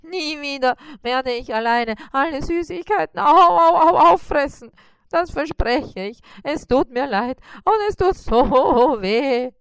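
A woman's voice: high voice, lively intonation, a little slow, dry recording, voice pushed up. A woman doing a wailing, whiny cartoonish spider. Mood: moaning. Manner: moaning and wailing in pain. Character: whiny male cross spider, timid and self-pitying.

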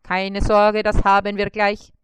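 A woman voicing a scrawny male mosquito dentist who is brisk, polite and reassuring. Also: mid-range voice, monotone, clear, resonant tone, no echo, lightly acted. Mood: businesslike.

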